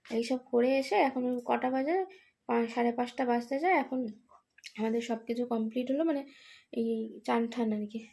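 A woman's voice: a little high, steady tone, a little fast, vocal fry, darkish tone. A woman, tired, rambling through an exasperated casual vlog monologue with many fillers. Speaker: vlogger, daughter caring for her ill father.

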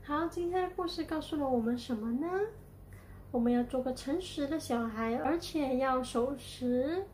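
High-voiced woman telling kids' stories. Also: moderate pace, a little mellow, slight background noise. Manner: cheerful, addressing children directly. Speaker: children's storyteller. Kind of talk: children's story narration.

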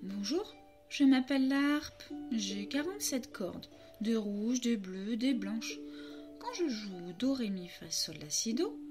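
A French woman reading a children's story aloud, narrating as a timid harp in a playful, expressive way. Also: medium pitch, slow pace, over music.

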